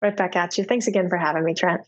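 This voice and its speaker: A woman's voice: on the low side, steady tone, quick pace, dull audio. A woman guesting on a podcast, talking in a breezy, chatty way that is a little scattered. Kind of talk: casual interview chat.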